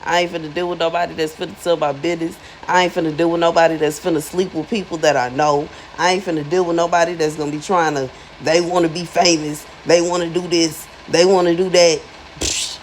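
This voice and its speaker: A woman's voice: on the low side, a little hiss or hum, low-quality recording. A woman in her thirties giving a casual, chatty monologue to her viewers, slangy and emphatic, often repeating herself for effect. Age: 30s. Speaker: spiritual influencer.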